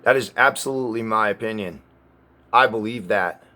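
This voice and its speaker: A man's voice: lowish voice, pushed and bright. Agitated, swearing man ranting. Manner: agitated, profane, halting. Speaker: vlogger. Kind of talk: ranting monologue to camera.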